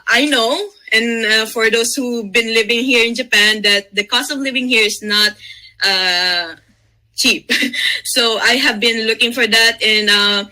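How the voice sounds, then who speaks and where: A very bright, somewhat high-pitched woman's voice with a Visayan Filipino accent, native in Bisaya. She tells her own story informally, in halting phrases broken up by hesitations. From Davao City, Philippines. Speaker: guest sharing a testimonial. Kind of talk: informal personal testimonial. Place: video call.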